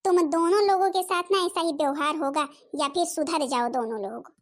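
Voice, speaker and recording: A woman voicing an angry, sharp-tongued young daughter-in-law in a cartoon, scolding and snapping. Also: high-pitched, moderate pace, natural voice. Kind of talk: Hindi cartoon voice acting.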